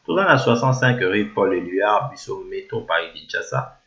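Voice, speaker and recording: A man's voice: fairly low pitch, lively intonation, moderate pace, fairly bright tone. A man hosting his channel, giving a declamatory, scripted introduction that lists and repeats phrases. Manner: declamatory, repetitive listing. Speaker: channel host. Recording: dull lo-fi audio.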